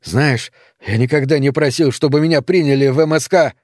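Роль: вспыльчивый бунтующий молодой сын, дерзкий и громкий, озвучивает мужчина; сухая запись. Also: male voice, medium pitch, brisk, dry recording, studio quality, natural voice. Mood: defiant. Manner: shouting, defiant. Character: rebellious young adult son, hot-tempered.

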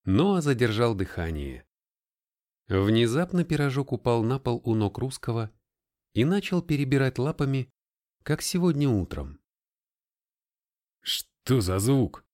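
A man reading a story aloud as a narrator in an expressive storytelling way. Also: mid-range voice, normal speed. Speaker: audiobook narrator. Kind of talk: scripted narration.

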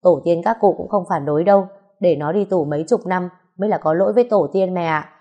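A woman's voice: lowish voice, fast, dull audio, close to an everyday voice. A woman reading the part of a firm, earnest middle-aged man pressing his mother. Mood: persuading. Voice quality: earnest, persuasive.

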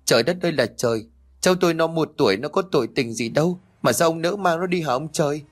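A frantic grandmother in her later years, wailing and scolding in a raised, quick voice, as a male storyteller puts her on. The voice sits higher than the narration and moves around a lot in pitch. It comes across as storybook-style horror narration. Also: animated. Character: frantic grieving grandmother, older woman.

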